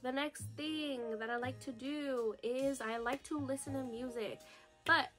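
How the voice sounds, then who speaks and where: A woman's voice: high-pitched, steady tone, measured pace, a bit bright, soft background music. Nervous young woman on a phone video. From United States. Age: 20s. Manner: nervous, chatty, full of "like" and "you know". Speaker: vlogger. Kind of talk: casual get-to-know-me vlog. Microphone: phone camera video.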